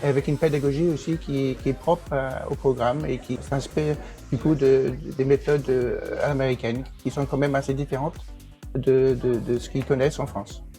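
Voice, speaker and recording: A man who is an English teacher and program director, answering interview questions with many pauses, fillers and restarts. English is his first language. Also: medium pitch, fairly even intonation, mellow, soft background music.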